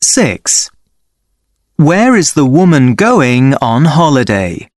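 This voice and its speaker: Slow, deliberate male exam narrator. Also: fairly high pitch, sing-song, no echo, studio quality. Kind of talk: scripted listening-test narration.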